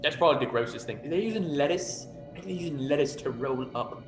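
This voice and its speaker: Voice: mid-range voice, lively intonation, fast, roomy sound, music in the background. A game master narrating a tabletop game, rambling with many fillers and repeated "like".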